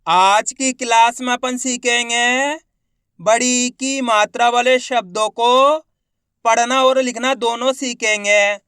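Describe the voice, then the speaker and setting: Upbeat male teacher with a high pitch and a crisp, smooth tone. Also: steady tone, slow pace, sharp tone, no echo, clean studio sound. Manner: enthusiastic, repetitive, asks the viewer questions. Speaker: Hindi reading teacher. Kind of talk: online classroom lesson.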